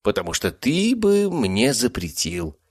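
A man's voice: mid-range voice, huge pitch swings, unhurried, dry recording, clean studio sound, voice pushed up. A man voicing a grumbling, boastful male cat werewolf with a cheeky, purring manner in an audiobook.

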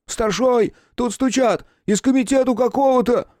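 A man voicing a nervous young anarchist, a former student, whose ringing falsetto strains to sound deep. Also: very animated, measured pace, no echo, studio quality. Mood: alarmed shouting. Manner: shouting, jumpy.

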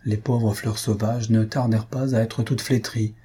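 A man reading a novel aloud in calm, measured audiobook narration. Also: lowish voice, breathy edge. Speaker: audiobook reader.

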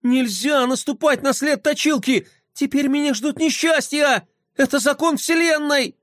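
A man voicing an anxious, superstitious young boy in a storybook reading, fretful and quick to panic. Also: high-pitched, no room sound, clean studio sound, pitched above the performer's own voice.

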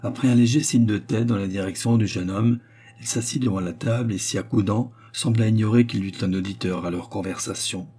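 A man narrating an audiobook reading of a novel, in a steady, measured way. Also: on the low side, husky.

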